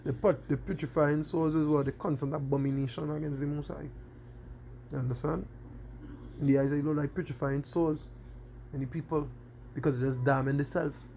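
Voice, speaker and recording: Gravelly preacher repeating "you understand?". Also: male voice, fairly high pitch, flat delivery, a little fast, dark tone, a little hiss or hum. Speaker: street preacher. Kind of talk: scripture-quoting sermon.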